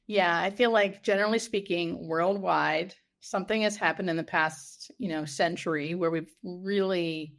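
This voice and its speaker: A woman's voice: fairly low pitch, steady tone, moderate pace, gravelly, hardly any pauses. A woman speaking as a hospice nurse in a conversational podcast interview, earnest and emphatic, repeating key phrases for weight.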